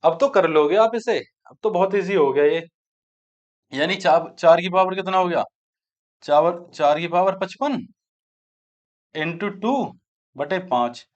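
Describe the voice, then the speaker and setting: A man's voice: sits high, a little slow, long pauses. A man teaching a maths lesson for exam preparation. He asks his students questions, answers them himself, and repeats key steps aloud while he writes. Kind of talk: exam-prep maths lecture. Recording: dull lo-fi sound.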